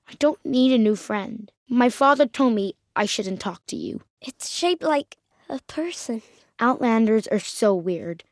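Young Aloy, high-pitched curious little girl. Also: no echo, clean studio sound. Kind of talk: video game voice lines.

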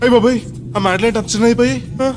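A man's voice: very high voice, fairly even intonation, very fast, over loud music. An actor playing a chatty, naive village man, clueless on his first flight, in a film comedy scene. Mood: curious. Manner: loud, chatty, rustic and clueless.

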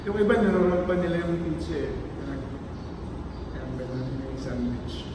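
A higher-voiced man with a Filipino accent talks casually through a mouthful, chewing fries between words. He sounds far from the mic in a roomy, echoing space with long reverb, and loud ambient noise fills the background. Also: moderate pace. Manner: eats while talking, relaxed and chatty. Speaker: food vlogger. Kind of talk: casual mukbang vlog.

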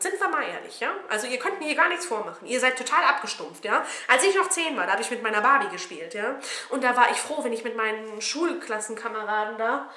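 Cheeky woman beauty vlogger, bright voice a touch high, casual review chat, roomy home recording. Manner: cheeky, jokey, swears casually. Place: at home indoors. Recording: roomy echo, faint noise.

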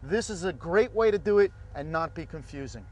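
A man with a fairly high voice hosts a fire service training segment outdoors. He speaks with direct emphasis as he presses home safety points about tools and crews. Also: animated, a little fast. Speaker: fire service instructor, show host. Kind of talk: training video presentation.

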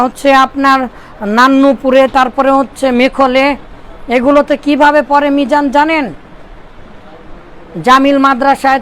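A man's voice: very high voice, a bit bright, a little hiss or hum. A man from Bangladesh teaching Arabic grammar to a classroom of pupils, drilling and repeating phrases for them to echo.

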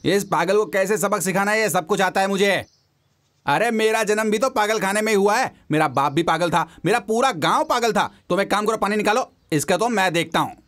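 A dub actor playing a boastful, blustering young lorry driver in a comic role. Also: male voice, high-pitched, fairly quick, a bit bright.

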